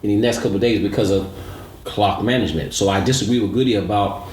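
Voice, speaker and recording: A man with a lowish, slightly mellow voice talks fast, co-hosting a sports show with emphatic, analytical commentary and repeating points for emphasis. The recording has a roomy echo and audible background noise.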